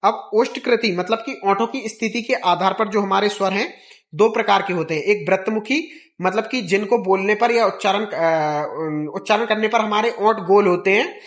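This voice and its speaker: High-voiced male teacher drilling vowels. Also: moderate pace. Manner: repeats vowel sounds aloud, sing-song drilling. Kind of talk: exam-prep lesson.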